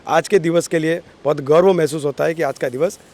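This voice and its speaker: This office-bearer of a political party, born in Maharashtra, India, has a higher-pitched, somewhat mellow voice that stays steady while moving at a fairly quick clip. Giving an interview, he sounds earnest and gushing, often saying things twice to stress them.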